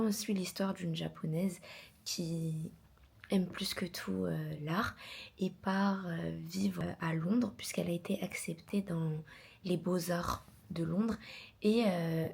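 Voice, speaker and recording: A woman's voice: lowish voice, vocal fry, breathy edge. A woman in her twenties chatting casually in a home vlog, rambling and mixing in English words. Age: 20s. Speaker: vlogger.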